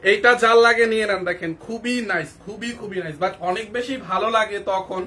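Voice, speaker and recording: Young man with a cold, high bright voice, rapid-fire live sales pitch, excitable. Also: a little hiss or hum. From Barisal, Bangladesh. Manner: excited, rapid hard-sell patter. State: has a cold. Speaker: live sale host.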